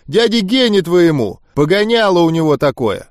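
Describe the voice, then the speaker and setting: Brief: male narrator doing a scornful crime boss, raised and loud, dry close sound. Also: high-pitched, very animated, moderate pace, no echo, voice pushed up. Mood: cold stern. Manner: scornful, barking insults. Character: gruff irritable male crime boss, secret demon. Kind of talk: audiobook character reading.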